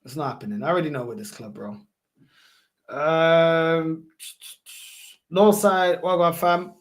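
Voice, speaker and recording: Reading out and replying to viewer comments, a London football livestreamer speaks a little slowly in a fairly high voice. His roadman accent reflects multicultural London English, and he's slangy, repetitive, and emphatic.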